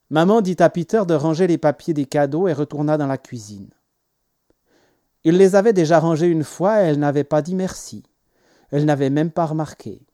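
A man reading stories aloud as an audiobook narrator, in a measured, expressive way. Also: fairly high pitch, no echo, clean studio sound. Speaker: audiobook reader. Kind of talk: scripted narration.

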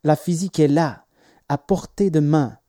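A man's voice: fairly high pitch, moderate pace, mellow, no echo. Man narrating an audiobook, dry close sound. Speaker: audiobook reader. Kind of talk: scripted narration.

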